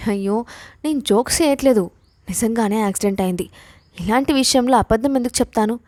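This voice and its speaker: A woman's voice: fairly high pitch, fairly quick, a little mellow, dry recording, natural voice. Brief: jealous, vengeful young woman read by a woman, bitter and scheming, close dry audio-story read. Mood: pleading.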